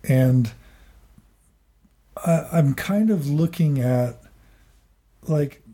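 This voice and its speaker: A man in his forties, a therapist and podcaster, speaking earnestly and haltingly in a reflective interview, often restarting and repeating words. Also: on the high side, lively intonation, dark tone.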